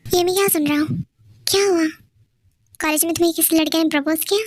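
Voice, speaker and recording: A woman's voice: extremely high pitch, fairly even intonation, fast, a little hiss or hum. A woman voicing a possessive, impatient young man in love, in a pushy and demanding way.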